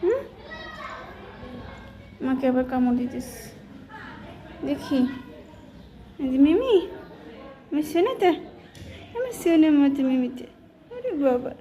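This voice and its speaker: A woman's voice: sits high, sing-song, takes it slowly, long pauses, dark tone. A woman talking baby talk to her pet cats, coaxing and asking them the same questions again and again. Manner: cooing, coaxing, repeating questions. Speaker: cat owner.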